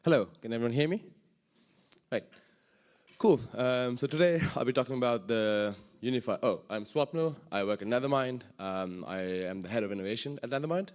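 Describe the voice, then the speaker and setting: A man's voice: medium pitch, animated, brisk, smooth. A man presenting a technical talk at a conference, explaining informally and often correcting himself. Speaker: conference speaker, head of innovation. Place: live talk before an audience.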